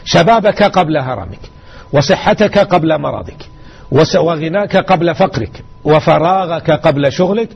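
A man's voice: fairly high pitch, animated, moderate pace, gravelly, husky, dull audio. A man teaching a religious lesson on radio, exhorting his listeners and repeating key words. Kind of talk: explaining a hadith lesson.

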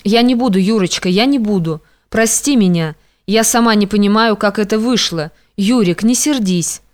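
A woman's voice: mid-range voice, moderate pace, close to an everyday voice. A woman reading an audiobook, voicing a frightened young woman who pleads timidly through tears. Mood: pleading.

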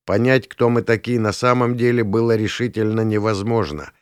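A man narrating a first-person novel in a calm, measured reading. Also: lowish voice, clear, resonant tone, no room sound, clean studio sound. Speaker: audiobook narrator.

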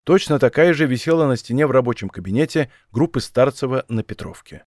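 A man reading a story aloud as an audiobook narrator in an even storytelling manner. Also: medium pitch, brisk, dry recording, clean studio sound. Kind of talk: scripted narration.

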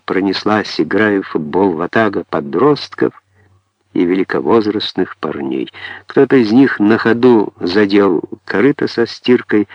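A man narrating a first-person memoir audiobook in a calm, ironic storytelling manner. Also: fairly low pitch, no room sound, dull audio.

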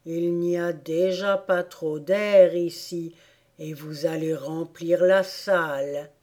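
A woman voicing a sulky male dormouse in a storybook, speaking slowly and disapprovingly. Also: lowish voice, fairly even intonation, darkish tone. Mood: grumbling. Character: grumpy sleepy male dormouse.

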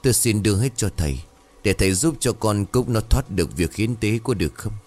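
A man voicing a desperate middle-aged village chief and worried father, in a deep, earnest, pleading tone. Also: lively intonation, a little fast, darkish tone.

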